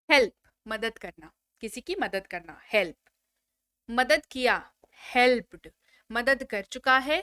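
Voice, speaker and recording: A woman's voice: a little high, bright, forceful tone, no room sound. A woman teaching a spoken English lesson, drilling word lists and prompting students to repeat after her.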